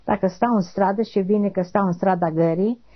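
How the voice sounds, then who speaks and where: A woman, being interviewed for an oral history, talking haltingly, repeating short affirmations and trailing off quietly. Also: medium pitch. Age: 80s. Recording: dull lo-fi recording.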